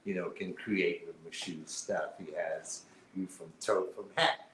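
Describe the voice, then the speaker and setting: A man with a very deep voice talks through a casual live stream, circling back on himself with fillers and restarts. His voice rings in a roomy, echoey space over a faint hiss. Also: steady tone, measured pace. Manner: rambling, many fillers and restarts. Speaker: co-host. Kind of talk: casual livestream chat.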